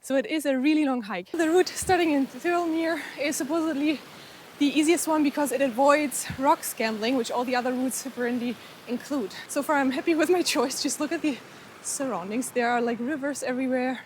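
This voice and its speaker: A woman's voice: sits high, fairly quick, a little hiss or hum. A young woman with a way of talking, chatting eagerly to the camera while hiking outdoors, a little out of breath. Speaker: travel vlogger. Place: outdoors on a mountain hike.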